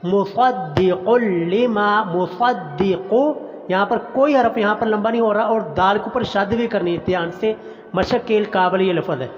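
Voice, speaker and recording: High-voiced male Quran teacher. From Pakistan. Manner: slow drawn-out recitation between quick explanations. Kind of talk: Quran recitation lesson. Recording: dull audio with long reverb.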